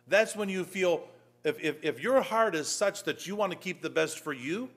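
A man preaching a sermon in a church, reading scripture emphatically and then dropping to a soft, low voice. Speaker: pastor.

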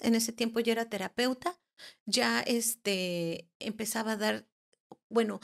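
Creaky-voiced woman telling her story. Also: fairly high pitch. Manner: halting, with many restarts and searching for words. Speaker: podcast guest, therapist. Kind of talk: recounting a personal paranormal experience.

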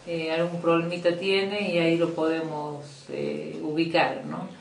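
A middle-aged Argentine woman, a youth coordinator, talks in a casual interview in a small indoor office, chatty and full of fillers and restarts. Her low, gravelly voice is flat and measured, with an Argentine Spanish accent. The recording is echoey, with a distant mic and faint noise.

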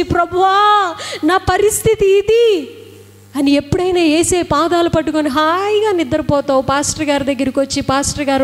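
A woman's voice: very high-pitched, in a large hall. A woman preaching a fervent sermon, firing rhetorical questions and repeating phrases for emphasis.

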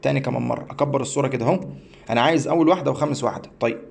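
Speaking very fast in a creaky, darkish, mid-range voice, this man is an astrology teacher giving a screen-share tutorial. He has an Egyptian Arabic accent and explains the website step by step, though he rambles, repeats, and keeps tripping up and starting over.

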